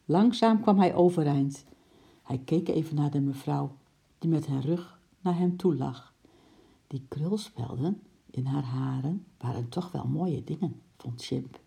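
A woman reading a children's story aloud in a lively, expressive narration. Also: low voice, a little slow, creaky.

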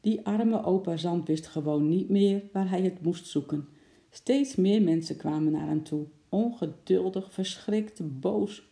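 A narrator reading a chapter of a children's book in a lively storytelling manner. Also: medium pitch, gravelly. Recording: roomy echo.

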